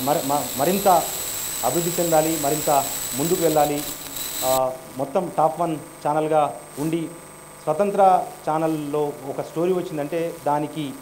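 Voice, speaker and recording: A man's voice: on the high side, noisy background. A man giving an earnest, grateful farewell speech at a work event, stumbling slightly now and then. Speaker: departing employee.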